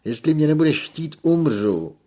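A man voicing a desperate, lovesick young peasant who pleads loudly and tearfully. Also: on the high side, sing-song. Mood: desperate pleading.

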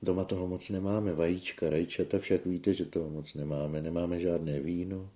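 A man reading a story aloud, voicing an anxious young village girl in a soft, hushed way. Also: low-pitched, fairly even intonation, pitched above the performer's own voice, lightly acted. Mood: worried. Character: shy worried village girl, young woman.

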